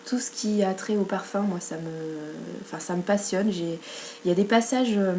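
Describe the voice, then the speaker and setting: A woman's voice: on the low side, moderate pace, dark tone, slight background noise. A woman with a French accent reviewing books in a casual vlog, chatty, with many fillers and self-corrections. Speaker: book blogger.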